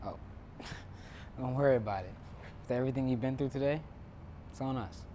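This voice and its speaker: A man's voice: mid-range voice, a little fast, a little hiss or hum, natural voice. A man acting as a polite, easygoing waiter who turns out to own the restaurant, over background music. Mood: kind. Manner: polite, patient, relaxed. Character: friendly easygoing male waiter, secretly the owner. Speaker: actor in a web skit. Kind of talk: scripted skit acting.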